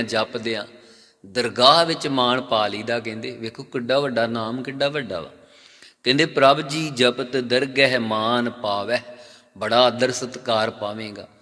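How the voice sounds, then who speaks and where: A male Sikh preacher delivering a sermon with a bright, forceful voice. He poses questions and answers them himself, and he slows down to chant the scripture lines. His voice rings out with a long reverb trailing behind it. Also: mid-range voice.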